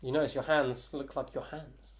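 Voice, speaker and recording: A man's voice: mid-range voice, level tone, moderate pace. A man narrating as game master of a tabletop game, loose and chatty, often laughing.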